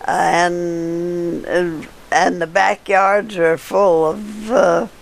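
An older woman being interviewed, telling old neighborhood stories in a halting way with fillers and chuckles. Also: lowish voice, flat delivery, creaky. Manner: halting storyteller with frequent laughs and fillers. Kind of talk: casual reminiscing.

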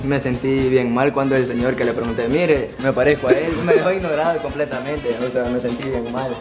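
A man's voice: mid-range voice, steady tone, brisk, very echoey, far from the mic, over music. A young man telling, in a sheepish, self-mocking way, how a dare to go out in face paint went. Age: young adult. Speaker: dare taker. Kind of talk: casual vlog chat.

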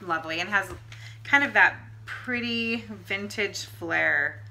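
A woman with a bright voice co-hosts a podcast in casual conversation. She gushes with enthusiasm, and her talk is recorded on a phone at home. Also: mid-range voice, slow, gravelly, slight background noise. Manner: gushing, enthusiastic. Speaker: podcast co-host. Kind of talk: casual chat.

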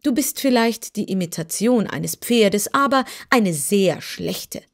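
A woman's voice: mid-range voice, expressive, slow. A woman voicing a proud, boastful male cab horse who lectures in a pompous way, in a storybook reading.

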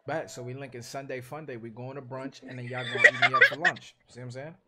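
A man's voice: mid-range voice, huge pitch swings, quick pace, over a noisy crowd. A young man streaming from a bedroom on a headset, brashly teasing strangers on video chat with crude jokes. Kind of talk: casual trolling banter. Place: small bedroom with blinds.

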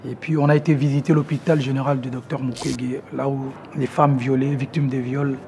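A Congolese man in his thirties, a native Lingala speaker with a Congolese French accent, chats casually to camera about his own interests as a musician, relaxed and hesitant with lots of fillers. His voice is medium-pitched and a little fast. He's on an outdoor garden terrace among plants, with music playing beneath his voice and slight background noise.

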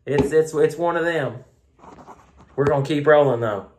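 A man's voice: fairly high pitch, moderate pace, darkish tone, slight background noise. A man with a Southern US accent casually reviewing a drink on a phone camera at home, chatty, rambling and self-mocking. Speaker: beer reviewer. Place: home room.

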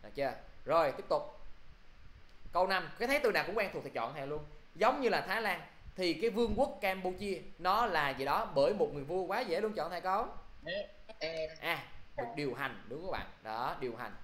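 A man's voice: on the high side, expressive, brisk, fairly bright tone. Guy teaching english review, quizzing the class, keeps asking "got it?", echoey room. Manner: quizzing students, repeating "được chưa?".

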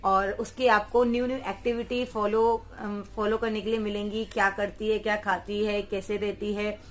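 A woman's voice: medium pitch, level tone, normal speed. A young woman vlogging as a mother, chatting casually to camera and coaxing her toddler in sing-song baby talk.

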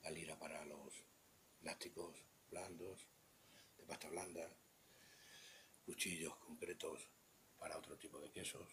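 A man with a Spanish accent and a very low voice walks a phone camera around a buffet table indoors. He speaks off the cuff as a cheese expert, halting and rambling, often trailing off into murmurs. Faint room noise sits under his voice. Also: little pitch movement. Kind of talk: unscripted walkthrough. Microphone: handheld phone camera.

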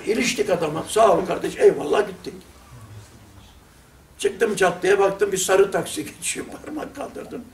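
An older man with a high voice leads a religious lesson, spinning humorous stories and playing every part in the dialogues. He sounds distant from the microphone. The room is echoey, with a faint hum of ambience behind him. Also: moderate pace. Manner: lively anecdotes, acts out dialogues. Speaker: religious teacher. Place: lecture room with audience.

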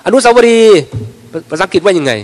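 High-voiced man teaching in a reverberant mosque. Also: fairly quick. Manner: lively storyteller who acts out little everyday scenes. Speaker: Islamic religious teacher. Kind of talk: informal religious lecture. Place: mosque prayer hall. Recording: long reverb of a large prayer hall.

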